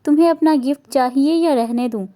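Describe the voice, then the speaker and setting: A woman's voice: sits high, mellow, close to an everyday voice. A woman voicing a young husband in a romance novel reading, teasing and earnest by turns. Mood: affectionate.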